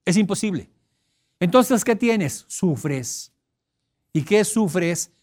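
A man's voice: high voice, animated, very slow, darkish tone. A man with a Mexican accent giving a motivational seminar, speaking emphatically and asking the audience questions. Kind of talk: seminar talk.

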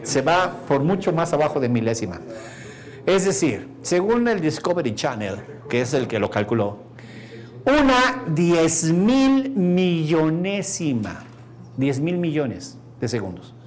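A man's voice: mid-range voice, lively intonation, normal speed, darkish tone. A man giving a lecture to an audience, asking them questions and acting out the voices he quotes. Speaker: course speaker.

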